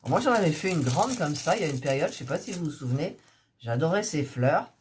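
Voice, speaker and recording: Coughing and unwell, a woman presents her diamond painting kits to subscribers in a relaxed, hesitant chat peppered with fillers. Her low-pitched voice is animated, brisk and a little mellow, and the recording carries a slight hiss or hum.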